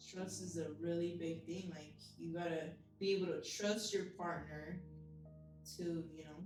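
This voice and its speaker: A woman's voice: on the low side, steady tone, moderate pace, darkish tone. A woman chatting casually as a podcast guest, rambling with many fillers. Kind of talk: casual chat. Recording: distant, very echoey, music behind.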